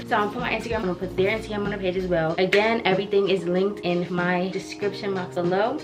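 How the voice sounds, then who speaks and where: Chatty young woman, slangy voice-over. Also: mid-range voice. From Trinidad and Brooklyn. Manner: chatty and slangy, addresses viewers as y'all. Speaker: hairstylist and vlogger. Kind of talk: casual voice-over hair tutorial. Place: voice-over, not recorded in the pictured place.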